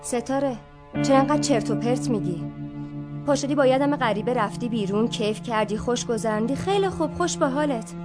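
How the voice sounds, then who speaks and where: A woman's voice: on the high side, natural voice. An actress playing a hurt young woman who answers her friend with sarcastic, cutting remarks. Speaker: film character. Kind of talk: feature-film dialogue. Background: film score music.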